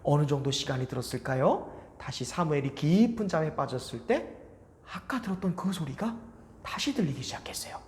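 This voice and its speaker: A children's preacher telling a Bible story in an animated way and asking the children questions. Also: mid-range voice, a little fast, roomy sound, big-room sound, slight background noise.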